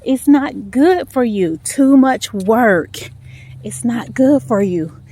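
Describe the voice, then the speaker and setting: Speaking slowly in a mellow, expressive, higher-pitched voice, this vlog host walks through a neighborhood and casually encourages her followers, repeating phrases to stress them. Vehicle noise and outdoor ambience come through clearly.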